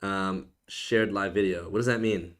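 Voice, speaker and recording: A man's voice: low voice, steady tone, measured pace, fairly bright tone. A man who is an immigration attorney, answering viewer questions on a live stream in a casual, joking way. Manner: casual, joking, teasing viewers, frequent "okay?".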